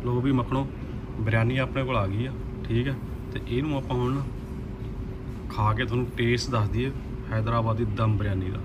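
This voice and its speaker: A man's voice: mid-range voice, moderate pace, long pauses. A man hosting a casual food vlog, joking and talking to his viewers from a car and then a restaurant, filmed on a phone. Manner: lively, joking, talks to viewers. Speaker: food vlogger host. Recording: noisy street and car sound.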